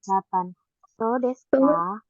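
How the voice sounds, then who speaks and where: A woman's voice: on the high side, slow, no room sound, phone-quality sound, faint music behind. A woman student in an online class, reading aloud carefully and stumbling over some words.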